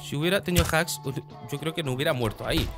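A man doing live gameplay commentary, talking to himself, swearing, and swinging between loud outbursts and low mutters. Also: quick pace. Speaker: gaming YouTuber. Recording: game music playing loud behind the voice.

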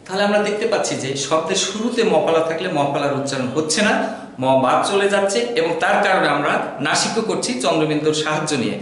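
A man gives a grammar lesson in a high-pitched voice, patiently spelling things out and saying example words over and over so they are pronounced right. He sounds far from the microphone in a very echoey room. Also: a bit bright. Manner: patient, repeats example words slowly to model pronunciation. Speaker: Bengali language teacher.

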